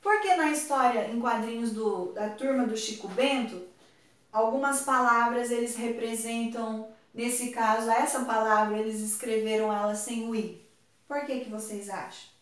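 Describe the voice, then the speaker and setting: A woman from Brazil teaching an online class, speaking slowly and patiently and drawing words out for her pupils. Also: on the high side. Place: home room on a video call. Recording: very echoey room, far from mic.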